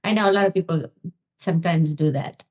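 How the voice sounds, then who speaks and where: A middle-aged woman from Romania, a physician and author, answering interview questions slowly with many pauses and ums. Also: deep voice, lo-fi sound. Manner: slow, halting, many ums.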